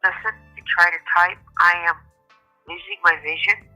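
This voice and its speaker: A breathy-voiced woman calling in to a live show over the phone, haltingly telling a personal story. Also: lowish voice, steady tone, pushed and bright. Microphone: phone call. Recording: thin phone call audio. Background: faint music.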